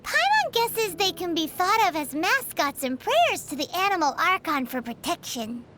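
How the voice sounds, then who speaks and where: Paimon, a squeaky cheeky sprite. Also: female voice, big pitch swings, moderate pace, noisy background. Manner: bubbly, cheeky, refers to herself by name. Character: tiny cheeky floating girl companion, chatty. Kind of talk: video game dub dialogue. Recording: game audio with music behind.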